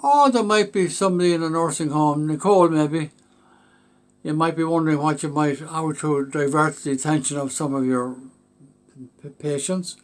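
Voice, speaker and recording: A man speaking in a relaxed, casual way before leading a singalong. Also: on the high side, moderate pace. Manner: relaxed, sings along to the backing music. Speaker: host.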